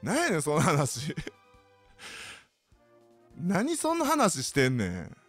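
A man's voice: a little high, slow, slightly rough, soft background music. A man with a Kansai accent, hosting a podcast and telling joking stories in a casual way. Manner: animated, joking, mimics others' voices. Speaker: podcast host. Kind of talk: casual solo storytelling.

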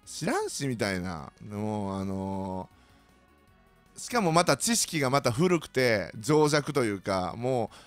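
A man with a Kansai Japanese accent hosts a casual monologue, ranting sardonically through animated stories for his listeners. His lowish voice moves slowly, with no echo and soft background music.

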